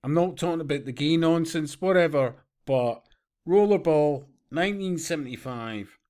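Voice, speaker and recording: A man's voice: fairly high pitch, normal speed, darkish tone. A man giving profane, sarcastic commentary, often breaking into laughter. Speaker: vlogger. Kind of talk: ranting commentary.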